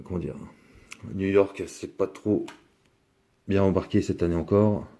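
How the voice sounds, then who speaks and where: Low-voiced man chatting through an unboxing. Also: fairly even intonation, unhurried, dark tone. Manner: rambling, chatty, many fillers. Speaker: card collector opening a box. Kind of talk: casual unboxing commentary.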